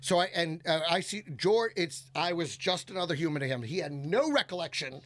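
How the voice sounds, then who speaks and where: A man telling a comic story as a podcast guest, animated and swearing freely, acting out other people's voices. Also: a little high, fairly quick. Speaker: guest comedian. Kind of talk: casual comedic storytelling.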